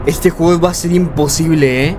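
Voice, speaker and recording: A young man giving horror gameplay commentary, yelping and shouting in panic, then muttering to himself. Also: a little high, fairly even intonation, normal speed, noisy background. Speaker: gameplay streamer.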